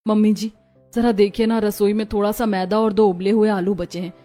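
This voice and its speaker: A woman's voice: medium pitch, level tone, a little fast, dark tone, faint music behind, lightly acted. A woman voicing a worried but dignified young mother in a cartoon story, firm and caring. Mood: gentle.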